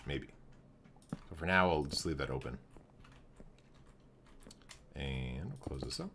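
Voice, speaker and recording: Streaming live from home, a young man comments on a building game, planning rooms aloud and greeting viewers in chat while his voice gradually gives out. It sits low and a bit bright, with slight background noise.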